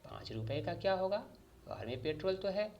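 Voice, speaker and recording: Cheeky bossy boy as a man voices him, raised pitch, mocking. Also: big pitch swings, fairly quick, creaky, lo-fi sound, slight background noise.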